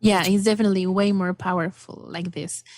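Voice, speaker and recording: A woman's voice: mid-range voice, brisk, no echo. A woman guest on a film podcast, talking enthusiastically in casual discussion. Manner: enthusiastic, animated.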